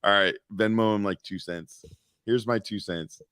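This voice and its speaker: Male co-host, low voice, dry close recording, playful and relaxed. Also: normal speed, clear, resonant tone, no room sound. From Central Valley, California. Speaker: podcast co-host. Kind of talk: casual podcast banter and interviewing.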